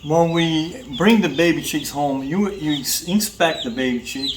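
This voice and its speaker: A man's voice: fairly high pitch, unhurried, background noise. A man hosting a vlog, casually explaining step by step how to care for baby chicks beside a coop. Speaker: vlog host.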